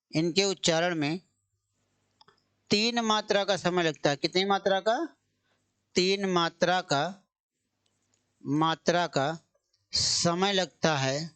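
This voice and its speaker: Male coaching teacher, high clear voice, drills points with self-answered questions and slow repetition. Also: fairly bright tone. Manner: asks the class questions and answers them himself; repeats key phrases, drawing words out slowly. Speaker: Hindi teacher. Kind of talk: exam-coaching grammar lesson.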